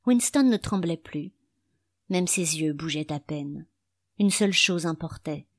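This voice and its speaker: Woman narrator, audiobook, lowish voice, steady measured delivery, dry close sound. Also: no room sound.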